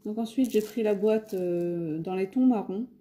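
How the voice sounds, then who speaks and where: A woman's voice: mid-range voice, unhurried, dark tone, slight background noise. French woman chatting through a craft haul. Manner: hesitant, many fillers and restarts. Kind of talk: casual haul video talk. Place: home, near a window.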